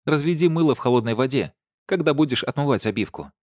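A man's voice: medium pitch, animated, fast, darkish tone, dry recording, pitched above the performer's own voice, lightly acted. A man voicing a weary, sardonic werewolf woman who hands out dry, practical advice, in an audiobook. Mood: amused. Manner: mocking, matter-of-fact advice.

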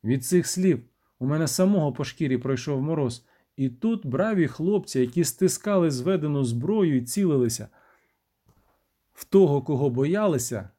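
Mellow-voiced man reading a novel. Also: a little high, moderate pace. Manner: even storytelling that lifts and grows loud for shouted lines. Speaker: audiobook narrator. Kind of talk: first-person audiobook narration.

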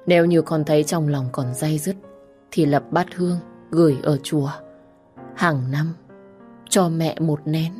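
A woman's voice: low-pitched, fairly even intonation, unhurried, a little mellow, faint music behind. A woman voicing a dying old mother, weak and pleading. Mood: tender. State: dying, gasping.

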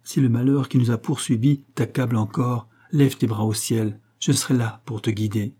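Dying mom saying goodbye, weak and faltering, low husky voice, as a guy reads her. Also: steady tone, dark tone, natural voice. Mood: tender farewell. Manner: slow, faltering farewell words. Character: dying mother, weak, tender and resigned.

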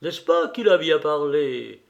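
A man's voice: on the high side, slow pace, gravelly, lo-fi sound. A man voicing a cheerful, talkative middle-aged nobleman who speaks eagerly and effusively in a read novel.

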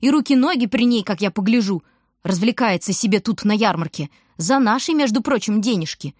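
A woman's voice: animated, brisk, a little mellow, no room sound, studio quality, lightly acted. A woman voicing a nosy, gossiping middle-aged grocer's wife who shrieks and pries. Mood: scornful. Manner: shrill, shrieking, prying. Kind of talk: audiobook character voice.

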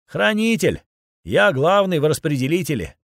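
Guy doing a blunt middle-aged storeroom guy in an audiobook, higher voice. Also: very animated, moderate pace, creaky, dry recording, studio quality. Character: blunt mustached man around forty, storekeeper.

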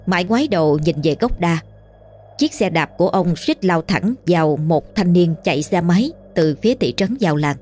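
A woman narrates a ghost story in a steady, measured reading. Her voice sits fairly low, with soft music playing faintly behind it. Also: slightly rough.

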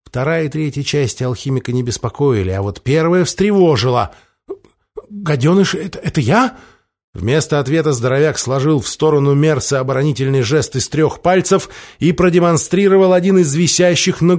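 A man reads a fantasy novel aloud in a measured, descriptive way. His voice sits a touch above the usual male range. He sets each scene calmly between the characters' lines. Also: on the high side. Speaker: audiobook narrator. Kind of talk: scripted fiction narration.

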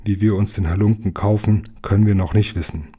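A man voicing a clever, bossy boy leader in a children's story, in his own low, husky voice and a lecturing tone. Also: fairly even intonation, fairly quick, dark tone.

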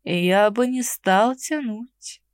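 A woman voicing a haughty, mocking male necromancer in an audiobook, with a slow, languid, predatory drawl. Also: a little high, dry recording, studio quality. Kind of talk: audiobook character reading.

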